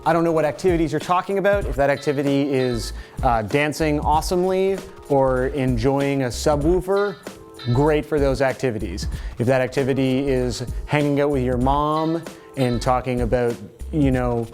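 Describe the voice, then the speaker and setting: A young Canadian man from Toronto hosts a music video series, casually answering viewer comments with jokey, sarcastic asides. His medium-pitched voice is a little mellow, and he speaks at a moderate pace.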